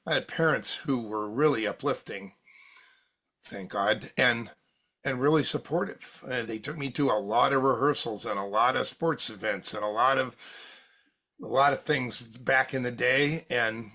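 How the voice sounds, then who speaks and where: A man's voice: mid-range voice, unhurried, sharp tone. An older American man, a podcast guest, telling rambling stories from his youth in a chatty way, laughing at his own jokes. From United States. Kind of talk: casual storytelling interview.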